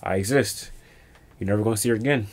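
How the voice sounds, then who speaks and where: Young male reaction co-host, low-pitched, joking slang, faint hiss behind. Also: fast talker. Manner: joking, loose slang, trailing restarts. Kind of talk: casual chat.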